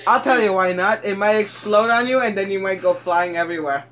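A young man chatting and laughing excitedly while playing a video game with a friend. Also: high-pitched, moderate pace. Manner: giggly, excitable, squeals on surprises. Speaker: gamer. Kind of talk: casual gameplay chat.

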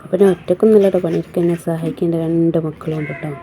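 A low-pitched woman with a very dark, mellow tone. She rambles chattily through a casual home vlog and keeps adding little tag words. She has a cold that is changing her voice. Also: fairly even intonation, rapid-fire, slight background noise. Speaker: home vlogger and mother.

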